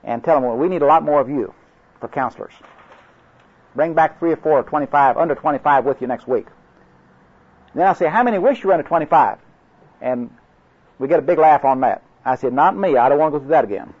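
An older Oklahoma man speaks fairly quickly in a slightly rough, somewhat high voice, pausing often, with an Oklahoma accent. He's an evangelistic crusade class instructor giving class instructors a folksy, jokey training talk full of drawled anecdotes and rambling restarts. Dull lo-fi audio.

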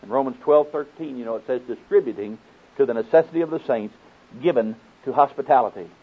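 Quoting scripture and putting questions to the congregation, an Oklahoma-accented preacher from that U.S. state delivers a folksy teaching sermon. He talks fast in a husky, mid-range voice. The audio sounds muffled and phone-like.

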